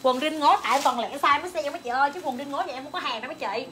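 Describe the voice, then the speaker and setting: Fast, bright-voiced woman selling clothes. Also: high-pitched. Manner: rapid, excited hawking, calls to viewers and staff. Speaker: online clothing seller. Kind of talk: livestream sales pitch.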